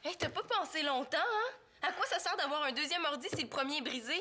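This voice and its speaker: An actress with a Quebec French accent playing a sensible teenage girl who teases and answers back quickly. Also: high-pitched, sharp tone. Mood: mocking. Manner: teasing, quick retorts. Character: sensible, sharp-tongued teen girl. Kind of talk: TV series acting.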